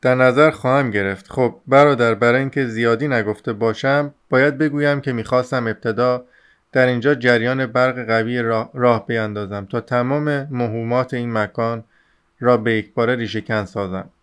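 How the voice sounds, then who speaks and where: Man voicing young male student, excitable, rambling, smooth clear voice, audiobook. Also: mid-range voice, close to an everyday voice. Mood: excited rambling. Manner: rambling, eager, talks over himself. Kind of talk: audiobook character reading.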